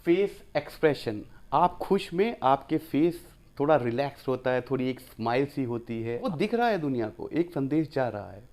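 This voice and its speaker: A man's voice: medium pitch, lively intonation, normal speed, hardly any pauses, a little mellow. A man teaching a lecture, explaining points one at a time and acting out short example phrases to show how tone changes meaning. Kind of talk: classroom lecture.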